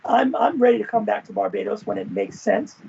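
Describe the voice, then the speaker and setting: A man's voice: sits high, fairly quick, creaky, a little mellow. A man speaking as an interview guest in a casual, expansive way, often tagging his points with "right?" and "you know", heard over a muffled video call. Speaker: guest, former event manager and professor.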